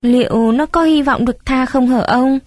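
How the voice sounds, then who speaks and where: An anxious young mother from a village, tearful and pleading as she asks one worried question after another, as a woman reads her part. The voice rises high with fear yet stays mellow. It is a close, dry storybook reading. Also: normal speed, dry recording, lightly acted.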